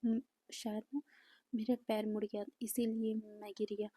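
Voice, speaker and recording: A gentle young man who keeps brushing off his own pain, as a woman reads him out. The voice is soft, breathy and mellow, pitched a little high, with a close, dry sound. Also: flat delivery, normal speed, no room sound. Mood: pleading.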